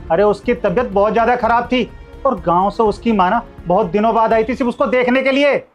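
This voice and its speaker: A man's voice: high-pitched, lightly acted. A man playing a husband who lectures his wife about treating a guard with respect. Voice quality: lecturing, moralising. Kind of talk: amateur short-film acting.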